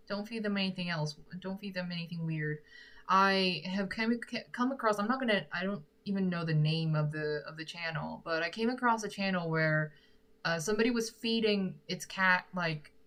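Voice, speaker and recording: A young Korean singer-songwriter with a fairly low, pushed and bright voice casually fields live comments from viewers, giggling and thinking out loud as she goes.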